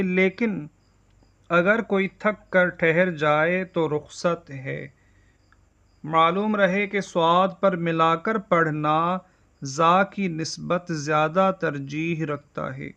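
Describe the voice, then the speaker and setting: Male Islamic studies teacher, measured explainer, gravelly and a bit higher pitched, dull lo-fi recording. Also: pushed and bright. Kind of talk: explanatory religious lesson.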